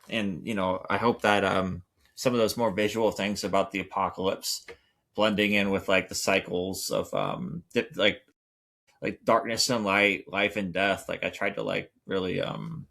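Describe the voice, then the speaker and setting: A man's voice: sits low, vocal fry, a bit bright. A man, a poet and co-host, talking about his own writing in a hesitant way, full of fillers and restarts. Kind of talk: casual poetry discussion.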